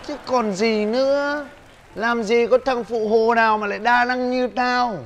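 Brief: man as a loud, bragging young laborer, high voice. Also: fairly even intonation, a little slow, lo-fi sound. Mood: boastful. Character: boastful broke male laborer, young adult.

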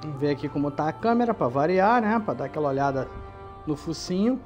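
A man with a Brazilian Portuguese accent gives fast, expressive let's-play commentary, chatty and slangy, speaking directly to his viewers as he plays. His voice sits on the high side and is a little mellow, with soft music in the background.

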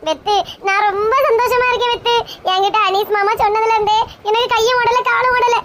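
A woman's voice: very high voice, steady tone, fairly quick. A woman with a Kanyakumari Tamil accent playing a giddy young bride-to-be in a comedy skit, bubbly and teasing. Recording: clear background noise.

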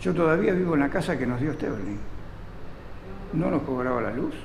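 An older man born in Italy tells the story with lively, direct storytelling and a gravelly, creaky voice. He is recorded close up in a small room with a long reverberant echo. Faint noise sits under the speech. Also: on the high side, a little fast. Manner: animated storyteller, addresses listener directly. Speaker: local historian guide. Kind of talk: storytelling interview. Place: small indoor room with air conditioner. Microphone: camera close in front.

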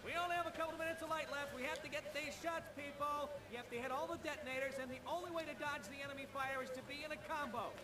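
A man's voice: very high-pitched, steady tone, fast, few pauses, sharp tone, a little hiss or hum. An actor playing a bossy male film director in a video game, giving curt commands. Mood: commanding. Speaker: video game mission giver. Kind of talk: game character dialogue.

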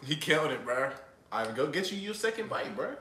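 A man's voice: fairly high pitch, sing-song, brisk, sharp tone, a little hiss or hum. A young man on a livestream, laughing and hyping up his friend. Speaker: friend on stream. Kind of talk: casual livestream chat. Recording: echoey room.

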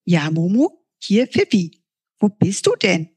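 A timid young boy, voiced by a woman reading aloud speaks in a soft, breathy voice. It is a children's storybook read-aloud. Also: medium pitch, big pitch swings, takes it slowly, exaggerated voice.

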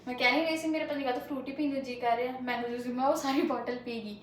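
A young woman with a rural Punjabi accent talks fast in a high, bright voice, rambling from one thought to the next and tagging her sentences with little fillers. She sounds like she is chatting as she cooks. The kitchen around her rings with echo. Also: steady tone, a little hiss or hum. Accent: rural Malwa Punjabi. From Punjab, India. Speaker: cooking vlogger. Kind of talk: casual chat while cooking. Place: home kitchen.

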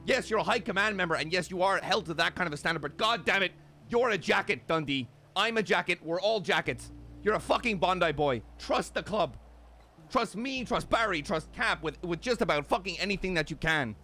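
A man's voice: sits high, lively intonation, brisk, sharp tone. A man in heated game role-play, arguing harshly and severely, repeating himself insistently and swearing. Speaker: role-play gamer playing a biker club member.

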